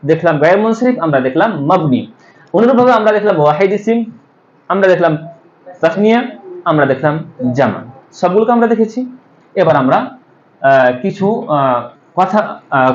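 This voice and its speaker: A man's voice: a little high, expressive, a little fast, long pauses. A man teaching an Arabic grammar class. He explains step by step, asks the students questions and answers them himself, with hesitant fillers while he thinks. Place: madrasa classroom. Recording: echoey room, dull lo-fi sound.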